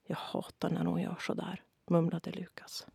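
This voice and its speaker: Woman doing a timid little boy, quiet and mumbly, kinda gravelly. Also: lowish voice, level tone, no room sound, studio quality, natural voice. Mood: whispered. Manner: quiet, whispering. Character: shy ashamed young boy footballer.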